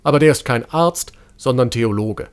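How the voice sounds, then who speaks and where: A man voicing an old court physician, excited and fussy, in a storybook reading. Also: mid-range voice, normal speed, clear, resonant tone, close to an everyday voice.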